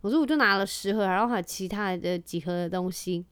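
A woman, a mother telling stories to her vlog audience in a lively, chatty way and mixing in English phrases. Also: medium pitch, fast talker, smooth, no echo. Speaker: vlogger and mother. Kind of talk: casual chatty monologue.

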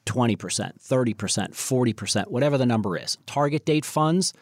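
A man's voice: medium pitch, animated, a little fast, no room sound, clean studio sound. A man hosting a financial talk show, speaking off the cuff and addressing listeners directly and emphatically. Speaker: financial radio show host. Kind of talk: unscripted advisory sales talk.

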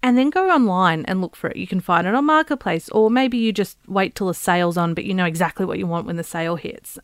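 Female, Australian, upbeat practical advice presenter. Smooth, clear voice, dry close sound, chatty and encouraging. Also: medium pitch, no room sound. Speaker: podcast host giving guest advice.

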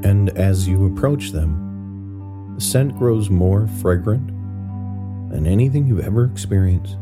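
Deep-voiced man, soothing sleep-story narrator. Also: expressive, slow. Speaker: guided relaxation narrator. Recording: loud new-age guitar music bed. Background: new-age guitar music.

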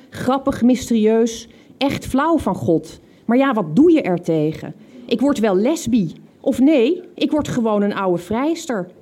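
Mellow-voiced woman reading her old diary. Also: fairly high pitch. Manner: reflective reading with occasional amused laughs at her old entries. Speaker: reader of her own teenage diary. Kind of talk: reading diary entries aloud.

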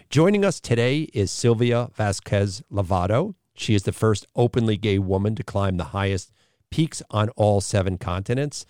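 A man hosting a podcast, reading a scripted introduction and then asking a guest questions in an earnest, measured way. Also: fairly low pitch, darkish tone, no room sound, clean studio sound. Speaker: podcast host.

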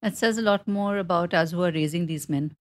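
A woman's voice: on the low side, fairly quick. A middle-aged woman, co-hosting a film chat and often laughing as she retells things with animation. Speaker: co-host. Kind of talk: casual chat about films.

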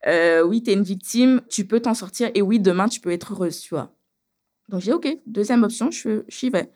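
Woman, interview guest, casual storyteller; animated, fillers and repeats, mid-pitched. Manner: animated, hesitant with frequent fillers and repetitions.

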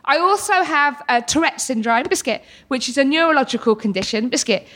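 At a live storytelling event with an audience, a British woman in her thirties tells a comic story playfully, frequent involuntary verbal tics breaking into her speech. Her voice sits high and fairly bright, with lively intonation and a slightly fast pace.

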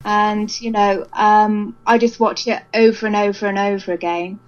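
A musician guest, a woman with a medium-pitched voice and flat delivery at a moderate pace, speaks in a phone interview. She's chatty and frank and laughs easily, heard over a muffled, dull phone line that fades in and out.

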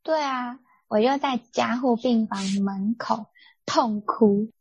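A young woman co-hosts a casual podcast chat, retelling family drama with animated indignation. Her fairly high voice is gravelly and husky, and the recording sounds dull and lo-fi. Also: slow, no room sound. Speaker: podcast co-host.

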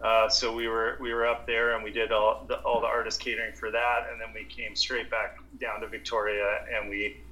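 A man's voice: fairly low pitch, completely flat delivery, moderate pace, hardly any pauses, pushed and bright, poor audio. A man in his thirties, a restaurant owner and podcast guest, telling his story in casual chat with many restarts and repeated words.

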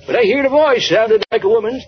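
Gruff old fisherman, very high-pitched, curt, suspicious, muffled vintage radio drama. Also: a little fast. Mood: grudging. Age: older. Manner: gruff, curt, folksy old-fashioned phrasing. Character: gruff old fisherman, tight-lipped, suspicious, minds own business. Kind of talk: 1940s radio acting.

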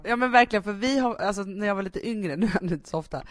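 A woman's voice: medium pitch, no room sound. A woman in her thirties, mother of a nine-year-old, co-hosting a casual chat and laughing while she tells family stories. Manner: laughs often, acts out family scenes. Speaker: podcast co-host.

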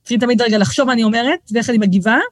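Speaking a little high on a dry recording, a middle-aged author guesting on a podcast chats casually. She tells lively stories, voices the people she quotes, and frequently starts her sentences over.

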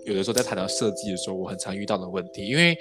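Racing along in a deep voice, a man with a Malaysian Mandarin accent hosts a casual podcast interview. He is chatty and drops English words into his Mandarin, with background music underneath.

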